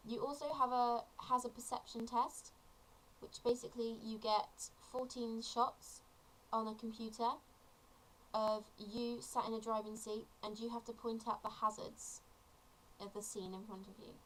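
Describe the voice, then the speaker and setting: A woman's voice: fairly high pitch, level tone, unhurried, a little hiss or hum, rough recording. Chatty seventeen-year-old girl explaining things. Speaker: vlogger. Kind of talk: casual tutorial vlog.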